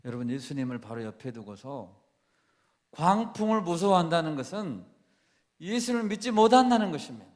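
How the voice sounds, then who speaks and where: Man, pastor, sermon, higher-pitched voice, questioning his listeners, long church hall reverb. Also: big pitch swings, normal speed. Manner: asks the congregation questions and acts out quoted speech with rising intensity. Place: church sanctuary.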